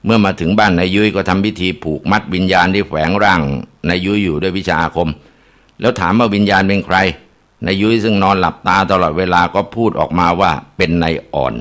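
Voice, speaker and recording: A man's voice: sits low, brisk, a bit bright. A man narrating a ghost story in a dramatic way, with occasional filler sounds.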